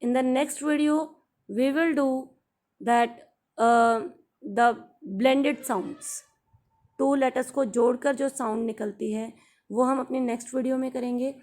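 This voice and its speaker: A young woman with an Indian accent teaches beginner phonics, her native Hindi mixed with English phrases. She speaks in a fairly high voice at an unhurried pace, stretching each example word out so learners can copy it. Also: steady tone, a little mellow. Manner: slow, carefully drawn-out example words.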